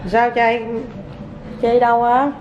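A woman's voice: a little high, monotone, a little slow, dull audio, noisy background. Mother prompting her child outdoors. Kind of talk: casual family chat.

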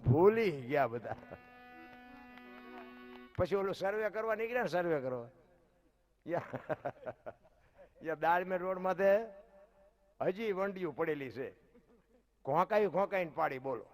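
A man's voice: sits high, expressive, a little slow, pauses often, soft background music. A man telling folk stories live, chatting directly with his listeners. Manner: chatty, addresses listeners directly, laughs softly. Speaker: folk storyteller. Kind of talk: live folk storytelling to an audience.

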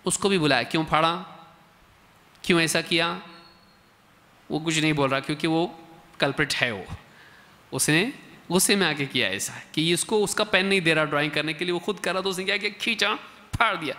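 A man giving a colloquial, lively religious workshop talk, acting out exchanges between parents and children. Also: on the high side, fast. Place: large mosque hall, indoors. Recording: reverberant mosque hall.

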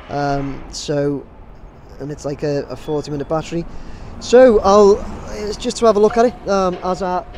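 Outdoors, a drone videographer in his thirties talks casually into a camera held at arm's length. His fairly high voice still sounds mellow and dark, and he rambles with many fillers, constantly restarting sentences over faint street noise.

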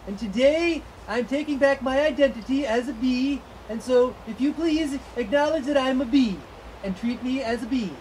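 A man's voice: very high voice, moderate pace, darkish tone, a little hiss or hum, low-quality recording. A man voicing a young male lovebird who insists he is a bee, in a whiny, earnest, indignant manner in a comedy sketch. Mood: insistent. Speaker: comedy podcast host.

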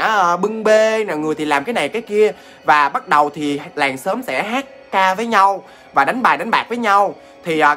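A man's voice: high-pitched, bright, forceful tone. A man with a Southern Vietnamese accent telling a ghost story in a chatty, casual way, often addressing listeners directly.

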